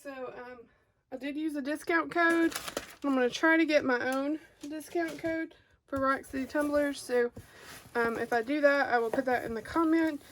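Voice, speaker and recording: Woman, Arkansas Southern accent, high-pitched, chatty and hesitant, casual craft unboxing, faint background noise. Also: fairly even intonation, moderate pace. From Arkansas, United States. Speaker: craft creator, unboxing host. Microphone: phone mounted overhead on a clamp.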